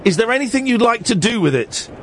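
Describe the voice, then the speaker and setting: A man hosts a late-night talk radio show from the studio, chatting in a loose, rambling, self-mocking way. His voice is fraying, as if he is losing it. His pitch rises and falls in lively swoops. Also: fast, slight background noise. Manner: rambling, jokey, self-deprecating. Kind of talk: casual phone-in chat. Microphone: studio mic.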